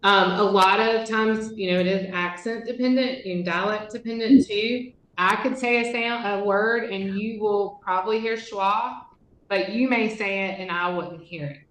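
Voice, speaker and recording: A woman's voice: medium pitch, normal speed, fairly bright tone, roomy sound, a little hiss or hum, low-quality recording. A woman giving a teacher training presentation in a conversational way, with frequent fillers. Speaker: literacy trainer.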